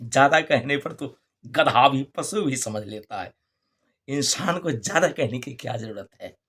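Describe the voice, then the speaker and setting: Slow, husky man preaching a fable. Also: mid-range voice, a bit bright. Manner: repeats phrases and asks the audience rhetorical questions; drawn-out, storytelling delivery. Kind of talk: moral sermon told as a folk fable.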